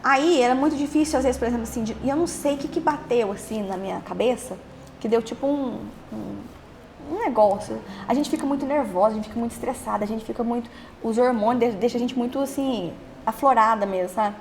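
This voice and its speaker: A young Brazilian woman telling her own story in a halting way, repeating words and trailing off. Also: on the high side, a little hiss or hum. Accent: Brazilian Portuguese. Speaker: podcast host interviewed as guest. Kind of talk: emotional personal testimony.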